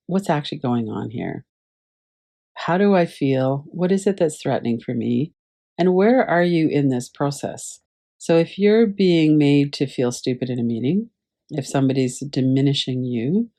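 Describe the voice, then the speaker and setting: A woman teaching a class over a video call, gently guiding listeners through a visualization with unhurried pauses. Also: a bass voice. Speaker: meditation teacher.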